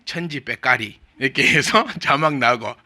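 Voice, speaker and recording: A male pastor with a Gyeongsang Korean accent delivers a chatty, humorous sermon, repeatedly asking his congregation questions. He speaks at medium pitch and a moderate pace, with a sharp tone.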